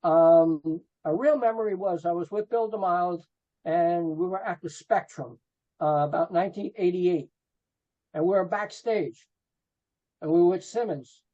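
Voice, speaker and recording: His voice sits high and warm, and he speaks a little slowly: a middle-aged New Jersey rock photographer reminiscing casually as a podcast interview guest. He's informal and peppers his talk with "you know," heard through dull lo-fi call audio.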